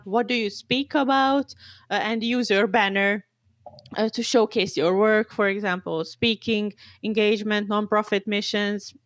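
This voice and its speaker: A young woman from Serbia talks eagerly as a podcast guest, chatty and quick to laugh. Her voice sits in a middle range and sounds dry and close, with no room around it. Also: mid-range voice, dry recording. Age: 20s. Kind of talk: casual interview.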